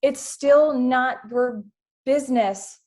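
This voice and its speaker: A woman's voice: high voice, slow, a little mellow. Candid woman guest speaking with emotion. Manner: candid, emotional, filler-heavy. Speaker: guest, blended family coach. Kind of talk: casual interview talk.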